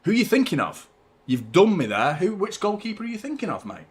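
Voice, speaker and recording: A young man hosting a fan watchalong stream, rambling chattily and giving shout-outs to viewers. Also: sits high, wildly swooping pitch, a little fast. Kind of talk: live stream chat with viewers.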